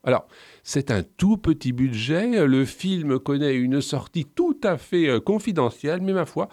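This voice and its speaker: A man's voice: a little high, vocal fry, no room sound. Chatty radio guy hosting a film music show, jokey asides, voice bounces up and down, dry sound. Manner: playful, digressive, lively delivery. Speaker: radio host.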